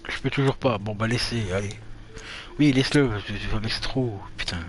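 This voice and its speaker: A man's voice: fairly low pitch, moderate pace, background noise. A man streaming a video game, muttering to himself and swearing as he searches around. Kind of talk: casual gaming commentary.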